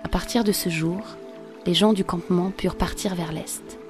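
A woman narrating a folk legend in a measured, steady storytelling manner. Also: fairly low pitch, music in the background. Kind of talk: scripted narration of a folk tale.

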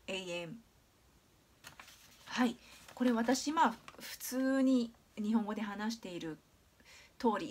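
A Japanese woman teaching English pronunciation in a video lesson, patient and clear, demonstrating sounds slowly with many drawn-out fillers. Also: mid-range voice.

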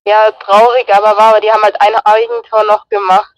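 A woman's voice: mid-range voice, little pitch movement, fairly quick, dry recording, low-quality recording. A woman answering radio checks in short, plain replies, heard through a handheld two-way radio. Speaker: radio test partner. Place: on a balcony, then indoors.

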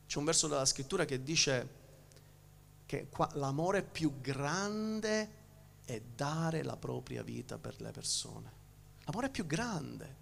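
A male pastor with a Sicilian Italian accent, preaching a sermon, swinging from loud emphasis to hushed near-whispers and often restarting his words. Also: mid-range voice, animated, slow, gravelly, slight background noise.

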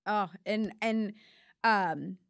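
A woman's voice: mid-range voice, drawn-out words, vocal fry, clean tone, no echo. A woman in her twenties hosting a podcast, chatting in a bubbly, gushing way from a small studio. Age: 20s. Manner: bubbly, gushing, animated hand gestures. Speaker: podcast host. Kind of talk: casual chat. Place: small studio with foam panels. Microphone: studio mic with headphones.

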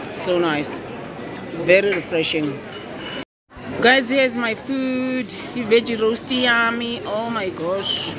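Middle-aged woman vlogging, leisurely and chatty; phone recording over crowd hubbub. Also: fairly high pitch. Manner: chatty, keeps saying "guys". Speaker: lifestyle vlogger. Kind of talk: casual vlog. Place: airport terminal, then home kitchen. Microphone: phone at arm's length. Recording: phone video with crowd and background noise.

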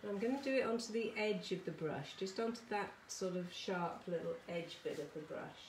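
A middle-aged woman with a fairly low voice talks fairly quickly as she leads children in a casual art demonstration, chatty and encouraging, with frequent check-ins. She is an artist in a small conservatory-style home studio. Captured by a camera or phone a short distance away, the audio is roomy and distant with some background noise.

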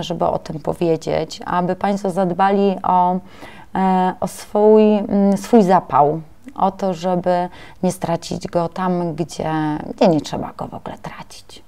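A woman presenting a webinar lecture to preschool teachers, often pausing with filler sounds as she explains her slides. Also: medium pitch, darkish tone, clear, resonant tone.

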